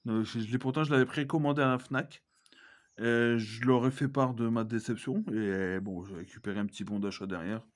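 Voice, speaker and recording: A man's voice: medium pitch, fairly even intonation, fairly quick. A man chatting casually as he shows his film collection, hesitant, with many fillers and self-corrections. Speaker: collector vlogger. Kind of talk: casual unboxing chat.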